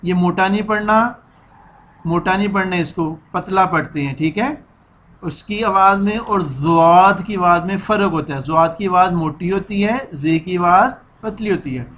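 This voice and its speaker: A man's voice: sits high, normal speed, a bit bright, lo-fi sound. A man with a Pakistani Urdu accent teaching children the alphabet, patiently repeating each sound for them to echo. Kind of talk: children's alphabet lesson, slow drilled repetition.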